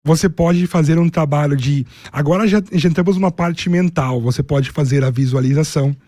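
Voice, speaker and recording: Dry, mellow-voiced Brazilian speaking coach. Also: male voice, on the high side, a little fast, no echo. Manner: methodical, explains in numbered steps and lists. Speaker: public speaking coach, guest. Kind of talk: didactic interview explanation.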